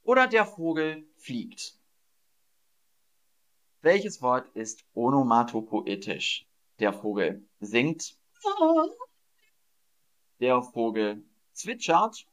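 A man teaching German over a livestream, speaking very slowly with a lively, swooping pitch. He repeats each question patiently and acts out sound words with playful emphasis. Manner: slow, drawn-out teaching delivery with repeated questions. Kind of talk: livestreamed language lesson. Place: Berlin.

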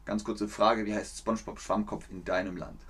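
A man with a Rhineland German accent, hosting a casual livestream lesson and explaining things slowly, with repeats of key sentences. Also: lowish voice, steady tone, slightly rough. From Cologne, Germany. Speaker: German teacher, livestream host.

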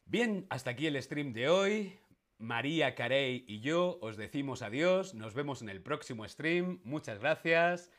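Slow, playful male teacher. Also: medium pitch, animated, fairly bright tone. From Spain. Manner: asks the audience questions, playful; slow, careful pronunciation. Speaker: Spanish teacher streaming. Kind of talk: live-streamed language lesson.

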